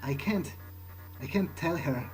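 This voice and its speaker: A gameplay host role-plays his character, improvising in character as he plays through a game, hesitating, thinking aloud and repeating words. His voice is a little high and animated, with a measured pace. The audio is poor, with clearly audible background noise.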